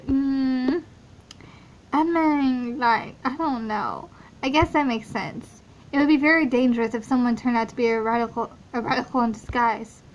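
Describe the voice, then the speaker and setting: A young woman in a casual game readthrough, reading the story and then tossing in blunt, profane commentary. Her voice sits a little high. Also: rough recording. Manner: blunt, profane, joking asides. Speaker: game reader.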